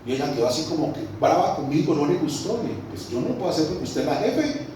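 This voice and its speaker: A pastor with a Colombian accent preaches a sermon, his fairly high voice ringing through a very echoey church hall. He sits back from the mic, and a faint hiss runs under his easy storytelling. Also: sing-song, fast talker, warm tone. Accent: Colombian Spanish. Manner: storytelling preacher, conversational, addresses the congregation as brother. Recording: roomy echo, mic at a distance, faint background noise.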